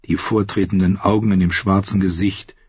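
A man narrates a fantasy story in an even, steady manner with a husky voice. The recording is dry, close and dull, somewhat lo-fi. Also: low voice, normal speed, dry recording. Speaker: audiobook reader.

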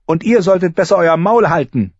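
A fierce young girl snarls back at her tormentors in a high, sharp voice, as a male storyteller puts her on. The voice is husky and dry, and the recording is slightly muffled. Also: expressive, fairly quick, dry recording. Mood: defiant.

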